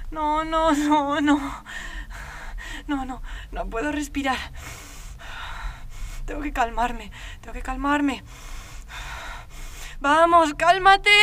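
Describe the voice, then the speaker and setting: A woman's voice: high voice, a bit bright. A woman reading an audiobook, voicing a frightened young girl locked alone in a cell, pleading and repeating herself, short of breath and close to tears. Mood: panicked. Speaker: audiobook reader.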